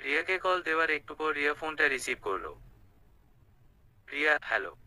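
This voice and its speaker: Brief: young male narrator for a romance audiobook, very bright, crisp and dry, casual storytelling tone. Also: on the high side, sing-song, fast, no echo, poor audio. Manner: conversational, colloquial storytelling.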